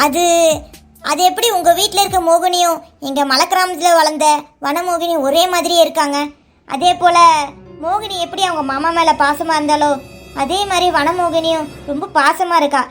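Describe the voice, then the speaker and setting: Woman voicing a gentle village aunt. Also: very high-pitched, steady tone, normal speed, soft background music. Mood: puzzled. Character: worried middle-aged village aunt and wife, gentle. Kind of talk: cartoon voice acting.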